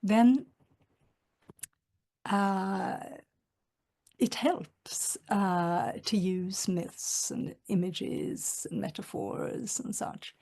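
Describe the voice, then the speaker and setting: Her mid-range voice is soft and halting, full of fillers, as this northern Swedish author talks reflectively in a webinar. She's on a video call and reads quotations during the lecture.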